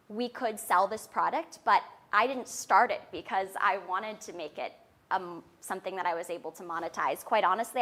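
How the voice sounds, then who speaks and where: A young woman founder delivers a confident startup pitch, explaining things earnestly in a presentation style. Her voice is a bit bright.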